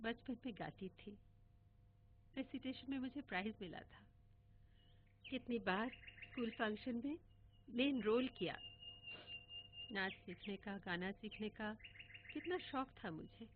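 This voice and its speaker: A woman telling a first-person story in a wistful, reminiscing, expressive way. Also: on the high side, unhurried, long pauses. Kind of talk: dramatic first-person monologue reading. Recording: tinny phone-like audio with faint hiss.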